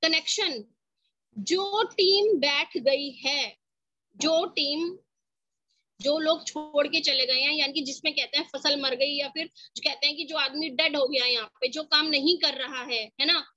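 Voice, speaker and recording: Woman, high and bright, motivational speaker on a lo-fi online call, storytelling, quizzes her listeners. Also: a little slow. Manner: storytelling, asks the audience questions. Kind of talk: online team session talk.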